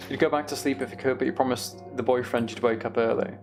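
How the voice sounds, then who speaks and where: A man livestreams a game, chatting casually as he muses aloud and reads and answers viewer comments along the way. His mid-range voice has fairly even intonation and a fast pace, with music in the background.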